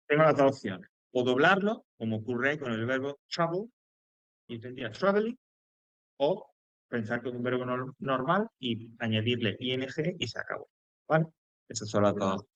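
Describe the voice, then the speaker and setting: Casting note: Spaniard, male teacher mid-lesson, mid-pitched voice, dry close sound. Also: fairly bright tone, dry recording. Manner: explanatory, with frequent fillers, restarts and checks like "¿vale?". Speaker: English teacher. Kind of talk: classroom grammar lesson.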